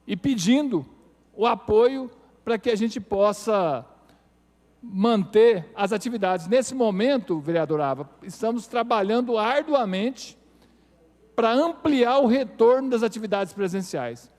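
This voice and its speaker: A man's voice: sits high, animated, unhurried, darkish tone. A middle-aged man, a university rector, giving a formal and earnest speech with hesitant restarts at a city council tribune. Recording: reverberant council chamber.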